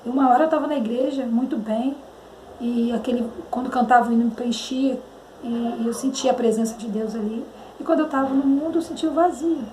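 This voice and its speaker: A Brazilian woman with a Brazilian Portuguese accent shares a personal religious testimony, hesitating, searching for words, and singing lines from hymns. Her mellow voice is fairly high, fairly quick, and fairly even in intonation. The room is echoey, with faint noise.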